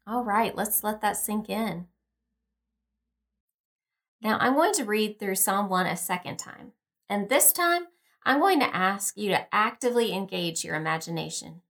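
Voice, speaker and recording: Over background music, a woman hosts a devotional podcast, leading a meditation and reading scripture. Her medium-pitched voice is calm and unhurried, gently instructing the listener.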